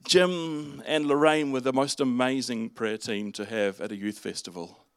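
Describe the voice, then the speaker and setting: A man preaching a sermon in a conversational, halting way, with restarts and fillers. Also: mid-range voice, smooth, dry recording, clean studio sound. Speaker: pastor.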